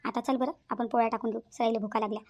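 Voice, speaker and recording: A woman voicing a calm, bossy elder sister-in-law, speaking in a soothing but firm way. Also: on the high side, rapid-fire, pitched below the performer's own voice, close to an everyday voice.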